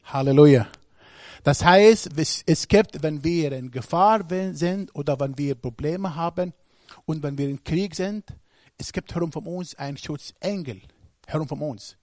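A man's voice: on the high side, measured pace, darkish tone, no echo, clean studio sound. A man preaching a sermon, speaking emphatically and putting questions straight to the congregation.

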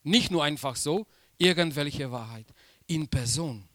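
Man, preacher, sermon, very slow, emphatic repetition, fairly high voice, dry sound. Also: fairly bright tone, dry recording.

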